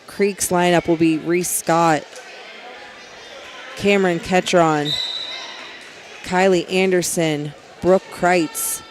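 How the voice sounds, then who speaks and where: Male play-by-play caller, high-pitched, rapid names, punchy on big points. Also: steady tone, background noise. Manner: rapid name-calling, rising to shouts on big plays. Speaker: play-by-play announcer. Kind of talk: volleyball play-by-play commentary.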